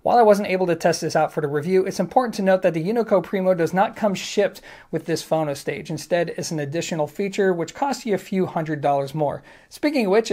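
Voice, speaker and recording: An audio equipment reviewer hosting a channel, narrating a scripted product walkthrough. The delivery is upbeat and casual, with jokey asides thrown in for the viewer. The voice sits at an ordinary middle pitch. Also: darkish tone.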